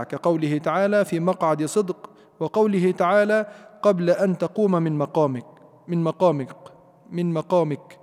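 A man reading a classical commentary aloud in a steady recitation, repeating some phrases. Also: on the high side, long reverb tail. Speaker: student reading the text aloud.

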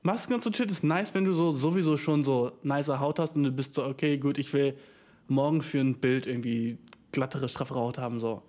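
A young man ranting casually and comically, full of slang and swearing, with English words mixed in and big jumps in pitch for emphasis. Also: fairly even intonation, brisk, a little mellow. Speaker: vlogger ranting to camera. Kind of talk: casual comedic rant.

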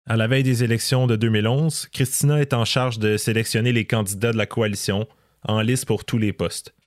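A man delivering scripted documentary narration in a measured, explanatory way. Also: lowish voice, no echo, studio quality. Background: faint music.

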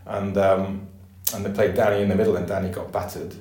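A man's voice: sits low, level tone, fairly quick, darkish tone. A middle-aged man with a Welsh Valleys accent, reminiscing in a casual interview in a hesitant, matter-of-fact way. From Merthyr Tydfil, south Wales. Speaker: podcast guest, former footballer. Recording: roomy, echoey sound.

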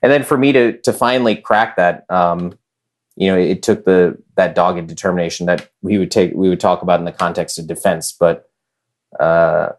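Speaking with a deep, steady voice at a moderate pace, a young man from the United States appears on a podcast as a guest. The chess master keeps the conversation casual, wandering off with lots of fillers.

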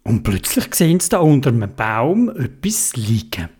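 A storyteller with a Swiss German accent telling a children's story in an animated, sing-song way. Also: mid-range voice, normal speed, breathy edge.

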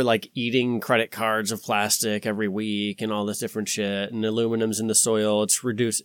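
A man's voice: lowish voice, dry recording, studio quality. A man talking casually as a podcast host, rambling and swearing, with an insistent, conspiratorial warning tone as he acts out imagined exchanges.

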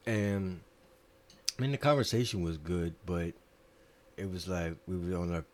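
A man's voice: deep voice, a little slow. A man co-hosting a podcast, laid-back and teasing in casual chat. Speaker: podcast co-host.

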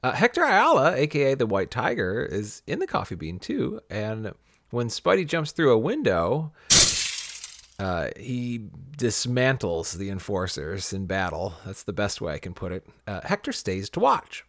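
A man recapping comic plots for a podcast with a wry, critical edge. His pitch moves a lot while he talks. The sound is dry, with no room echo. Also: huge pitch swings, moderate pace, fairly bright tone. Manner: summarizes plot, wry and critical. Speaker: podcast co-host. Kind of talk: casual comic book discussion.

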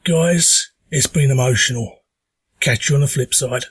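A man with an Essex accent, hoarse from a sore throat, leaving an informal recorded message. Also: medium pitch, a little slow.

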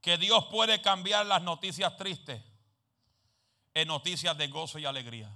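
A man preaching a sermon in a church, moving between quiet, joking asides and shouted calls for amen. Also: fairly high pitch, unhurried.

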